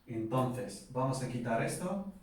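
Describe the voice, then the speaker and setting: A man teaches pronunciation in a slow, relaxed, chatty way, often checking in with his listeners. His voice rings around a very echoey room. He sounds set back from the microphone. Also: medium pitch, far from the mic. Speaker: language teacher. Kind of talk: casual video lesson on pronunciation.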